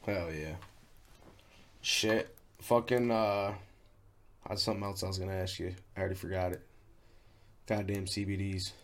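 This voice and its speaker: A man with a lowish voice acts as interviewer. His talk is casual and slangy, with swear words dropped in offhand. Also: steady tone, normal speed, long pauses, a bit bright. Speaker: interviewer, host. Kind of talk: casual chat.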